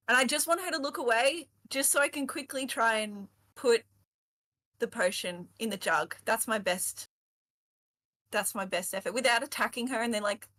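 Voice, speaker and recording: A woman's voice: on the high side, pushed and bright. Giggly woman player. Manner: chatty, giggly, hesitant. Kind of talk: casual tabletop game play.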